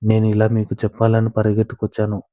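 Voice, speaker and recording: A man's voice: on the low side, monotone, fast, no room sound, natural voice. A man reading a story voices a panicked young village man who stammers and hurries, recorded on a tinny, dry line.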